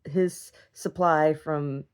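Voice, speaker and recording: A woman's voice: low voice, steady tone, drawn-out words, smooth. A woman talking casually to herself in a rambling video diary, blunt, irreverent and sardonic. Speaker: video diarist.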